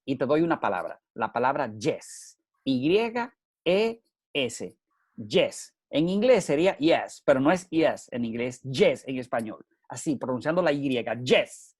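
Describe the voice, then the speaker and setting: A middle-aged man speaking as a motivational guest on a radio show. He coaches the listener earnestly, often bursting into loud shouts. His voice sits in an ordinary middle register, recorded dry and close with no room sound. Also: medium pitch, no room sound.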